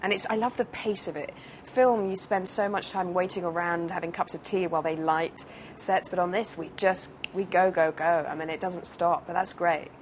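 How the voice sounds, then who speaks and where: British actress rambling thru an interview, lowish voice, faint noise behind. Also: female voice, steady tone, moderate pace, few pauses. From United Kingdom. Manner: chatty, rambling with many fillers and restarts. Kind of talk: casual interview chat.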